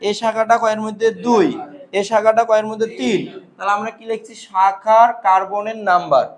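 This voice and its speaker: High-voiced male chemistry teacher. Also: flat delivery, fairly quick. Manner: drills students with repeated questions and answers. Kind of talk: classroom lecture with call-and-response questions. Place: classroom.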